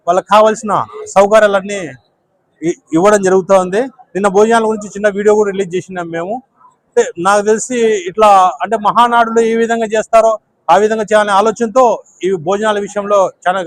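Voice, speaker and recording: A man speaks quickly to a news camera, his voice pitched high for a man. He sounds earnest and proud as he runs through what his local party organized. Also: poor audio. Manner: earnest, proud, listing achievements.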